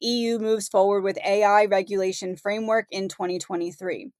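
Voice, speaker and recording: Hosting her own channel, a woman who is losing her voice reads headlines aloud and chats about them casually. Her medium-pitched voice is steady, brisk, and a little mellow, captured in a dry recording.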